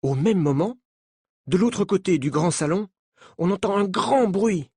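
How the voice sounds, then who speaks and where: A male narrator reading a graded-reader story for language learners. He speaks slowly and clearly, his pitch moving a lot from phrase to phrase. The recording is close and dry. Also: animated, a little mellow, no room sound. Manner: slow, clear, deliberate.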